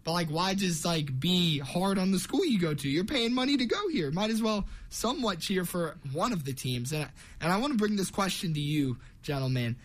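A man's voice: high voice, lively intonation, moderate pace, few pauses. A young man hosting a college sports radio show in a casual, chatty way. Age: young adult.

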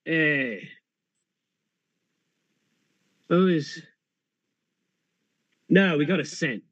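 A man acts out a gravelly hobgoblin boss for a tabletop game. He is sly and laconic, drawling his words in a close, dry recording. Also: fairly high pitch, takes it slowly, fairly bright tone, no room sound, muffled recording, pitched above the performer's own voice, heavily acted. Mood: sly, gruff. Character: rough, sly hobgoblin gang boss, male, hired tracker.

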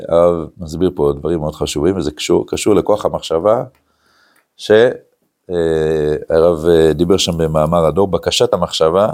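A man, a rabbi, giving an animated Talmud study lecture, acting out quotes and using many filler sounds. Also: sits low. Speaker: rabbi teaching a class.

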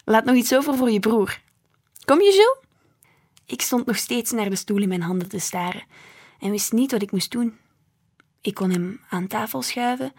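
Breathy woman reading a children's story. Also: medium pitch, darkish tone. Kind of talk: reading a children's book aloud.

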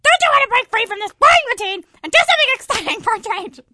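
A woman voicing a small, eager house fly that pleads and pushes in a squeaky, excited way, recorded close on a dry studio mic. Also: normal speed, slight background noise, exaggerated voice. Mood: pushy. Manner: squeaky, pleading, rising to shouts.

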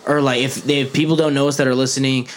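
A man's voice: mid-range voice, level tone, fast talker. Male host, from Arizona, loose joking banter, swears a lot, talks over friends. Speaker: podcast host. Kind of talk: casual chat among friends.

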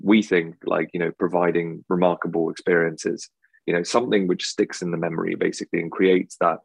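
A hospitality tech founder from the Czech Republic answers interview questions in an English accent, rambling and leaning heavily on fillers like "basically" and "you know". His low voice is a little fast with little pitch movement, plus vocal fry and a breathy edge. There's no echo.

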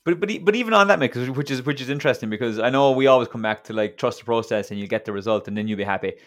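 Fast-talking Irish man coach. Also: mid-range voice, expressive. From Ireland. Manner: quick, earnest, reflective, with many restarts. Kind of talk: casual podcast chat.

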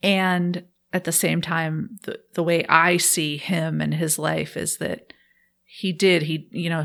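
Slow, gravelly-voiced woman telling a story. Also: sits low. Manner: warm, thoughtful, laughs often. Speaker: guest. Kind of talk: reflective interview storytelling.

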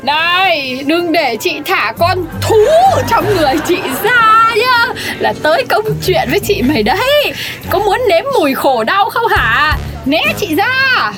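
A woman's voice: very high-pitched, lively intonation, a little fast, loud music behind the voice. A woman playing a feisty old café owner. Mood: scolding. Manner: bossy, scolding, swooping. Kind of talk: comedic audio drama.

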